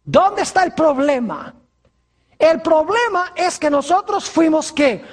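A preacher giving a sermon, asking rhetorical questions and answering them, stretching key words slowly. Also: sits high, sing-song.

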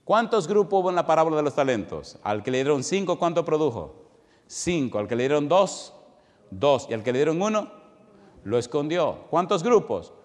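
A man preaching a sermon, firing rhetorical questions at the congregation and telling stories that swing from loud to hushed. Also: fairly high pitch, very animated, moderate pace. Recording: long hall reverb.

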